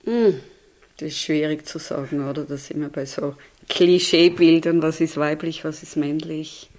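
A woman's voice: deep voice, steady tone, moderate pace, darkish tone. A woman in her fifties from Austria, speaking with an Austrian dialect that has picked up a Swiss tinge, talking thoughtfully as an interview guest and often ending with "oder?". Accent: Austrian German dialect, slightly Swiss-tinged. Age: 50s. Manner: thoughtful, tags questions with "oder?". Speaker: interview guest, seminar leader. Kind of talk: conversational interview.

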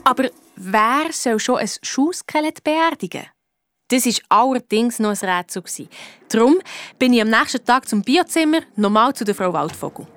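In a children's radio play, a woman voices a clever, eager schoolgirl detective with a Swiss accent, recounting her case in a lively, colloquial way. Her voice is a little high, her pace moderate, and she sounds determined.

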